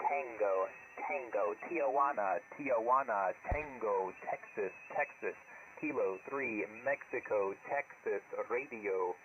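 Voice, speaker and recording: A man's voice: mid-range voice, slow, long pauses. Man on mistuned ham radio, noisy. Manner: repeats each letter word again and again. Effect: mistuned ham radio, received off frequency. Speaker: radio operator calling in. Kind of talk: spelling a callsign in phonetics. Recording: muffled noisy shortwave radio signal.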